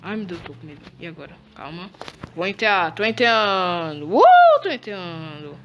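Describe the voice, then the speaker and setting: A woman playing through a game role-play, excitable, gasping and repeating her exclamations. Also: lowish voice, normal speed, highs cut off, a little hiss or hum.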